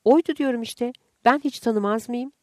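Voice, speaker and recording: A woman's voice: on the high side, normal speed, dark tone, dry recording, voice pushed up, natural voice. An insistent lady, put on by a woman, speaks in an emphatic, raised voice. She is sure of herself. The recording is dry.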